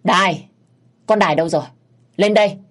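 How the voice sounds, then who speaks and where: A woman's voice: deep voice, animated, normal speed, a little mellow, breathy edge. A woman voicing a stern, poor old peasant father who scolds his daughter. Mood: angry scolding.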